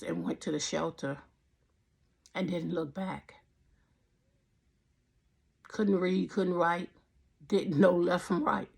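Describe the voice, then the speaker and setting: A woman's voice: on the low side, vocal fry, husky. A woman in her fifties giving an impassioned personal faith testimony, repeating her phrases in a preacherly way. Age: 50s. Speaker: vlogger.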